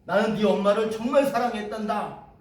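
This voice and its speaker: A man's voice: high voice, a little fast, pitched above the performer's own voice, natural voice. A male pastor voicing a grieving old widower in his seventies, who wails and repeats his love. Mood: wailing. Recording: echoey hall from far off, faint hiss.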